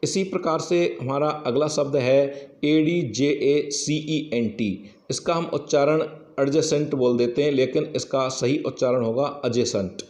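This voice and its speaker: A man's voice: mid-range voice, a little slow, a little mellow, echoey room. A man giving an exam-prep English lesson, explaining rules step by step and often saying "yes, friends". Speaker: English teacher.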